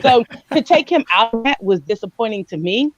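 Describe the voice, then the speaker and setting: A woman co-hosting a movie review podcast in casual chat. She talks excitedly and jumps into high squeals when acting out scenes. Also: a little fast. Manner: excitable, acts out scenes with squealing quoted voices. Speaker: podcast co-host. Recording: muffled lo-fi dry sound.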